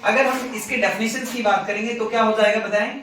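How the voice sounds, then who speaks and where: A man's voice: high voice, fairly even intonation, fast talker, a bit bright. A male grammar teacher, lecturing a class and quizzing students with repeated questions. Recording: very echoey classroom, distant mic, noisy.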